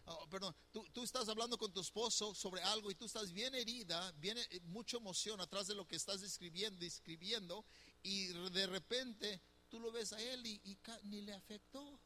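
A man's voice: high-pitched, moderate pace, bright, forceful tone, a little hiss or hum. A middle-aged man preaching a conversational sermon as pastor, teasing his listeners and putting questions to them. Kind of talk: sermon on marriage.

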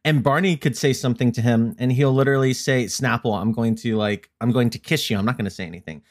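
A man's voice: mid-range voice, quick pace. Teasing young male podcast host. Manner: teasing, exasperated, laughs a lot. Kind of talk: casual chat.

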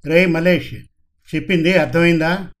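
Arrogant scheming boss, commanding tone; male narrator doubles the part, slightly high-pitched voice. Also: fairly even intonation, normal speed, lightly acted. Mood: bossy. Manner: commanding, bossy.

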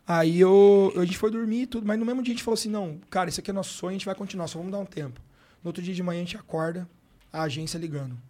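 A man's voice: high-pitched, racing, mellow. Slangy Brazilian man telling a story. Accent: Brazilian Portuguese. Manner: slangy, emotional, frequent filler words like "cara" and "brother". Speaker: podcast guest, sports coach. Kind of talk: casual storytelling.

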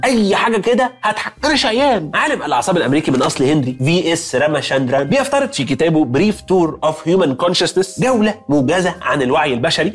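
A man with an Egyptian Arabic accent races through a comedic science explainer, his husky voice pitched high. He jokes his way along and keeps talking straight to the listener. Faint music plays behind him. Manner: playful, jokey, talks straight to the listener. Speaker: podcast host.

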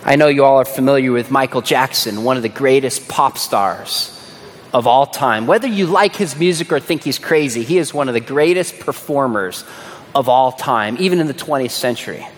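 A man preaching a sermon as a dramatic storyteller, who drops to a hush on key words. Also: mid-range voice, moderate pace, slight background noise. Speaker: pastor. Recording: echoey hall.

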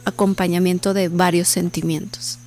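A woman's voice: on the low side, level tone, moderate pace, a little mellow, faint music behind. Woman chatting on a podcast. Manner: chatty, asks questions, reacts with quips. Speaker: podcast co-host. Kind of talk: casual chat.

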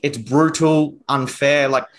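A man's voice: mid-range voice, steady tone, takes it slowly, fairly bright tone. A man discussing football in a casual panel chat, often restarting and repeating words.

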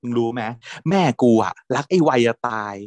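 A man voicing an exasperated young male student who retorts loudly and in disbelief. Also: mid-range voice, expressive, moderate pace, no echo, natural voice. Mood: gushing.

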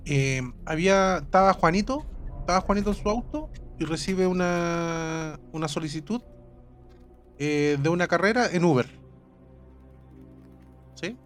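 A man's voice: a little high, a little slow, long pauses, faint music behind. A man with a Chilean accent telling a story in a casual chat, rambling and repeating his words. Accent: Chilean Spanish.

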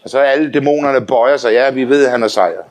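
An older man preaching a sermon, telling lively anecdotes, often laughing and calling on listeners to say amen. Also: medium pitch. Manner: animated storytelling, often laughing, calls for amens.

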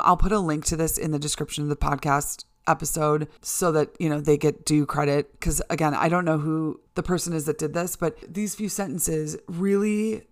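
This is a solo podcast where a middle-aged American host with a low voice speaks directly to her audience. The monologue is informal and frank, conversational in feel, with the occasional curse.

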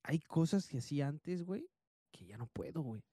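Here the Mexican-accented podcast co-host in his thirties speaks at a fairly high pitch, fairly quickly, with lively intonation and a dark tone. He swears a lot, laughs often, and tells stories in slangy casual chat, recorded in clean studio sound with no echo.

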